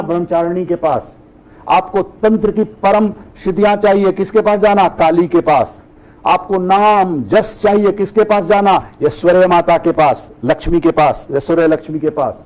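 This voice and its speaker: A man's voice: fairly high pitch, darkish tone, rough recording. A middle-aged man, a spiritual teacher, giving a discourse to an audience. He asks rhetorical questions and answers them himself, and he drops English phrases into his talk.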